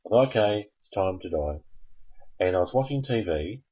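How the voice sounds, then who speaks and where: A man's voice: deep voice, expressive, normal speed, breathy edge, narrow, tinny audio. A man hosting a live call-in stream, chatting casually and jokingly coaxing viewers to phone in. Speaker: host of a live call-in show.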